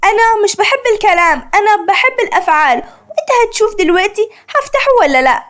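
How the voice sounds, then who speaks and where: A woman voicing a spoiled, proud young woman engineer with an Egyptian Arabic accent and a sharp-tongued, indignant manner. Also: very high-pitched, lively intonation, a little fast. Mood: defiant.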